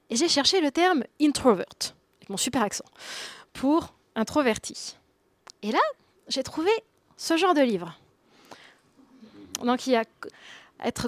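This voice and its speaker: Woman, 30s, conference speaker, fairly high voice, conversational with quips, dry close sound. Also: no room sound. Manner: conversational, quips and laughs with the audience. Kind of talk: conference talk.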